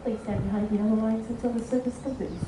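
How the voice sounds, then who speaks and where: A woman making a public-address announcement over a loudspeaker on a train platform. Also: fairly high pitch, steady tone, quick pace. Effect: station loudspeaker. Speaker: station announcer. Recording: distant echoey PA with platform noise.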